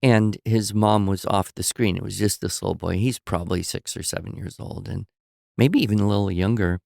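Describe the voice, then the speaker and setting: Gravelly low-voiced man telling stories. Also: fairly quick, darkish tone, dry recording, clean studio sound. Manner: storytelling, acts out quoted voices. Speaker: co-host. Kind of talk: conversational podcast discussion.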